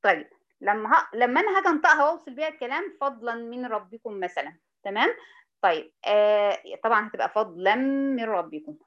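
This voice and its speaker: A woman with an Egyptian Arabic accent teaching a Quran recitation lesson, asking her students questions and drawing out the example words slowly. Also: fairly high pitch, expressive, fairly bright tone, muffled recording. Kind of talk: informal tajweed lesson.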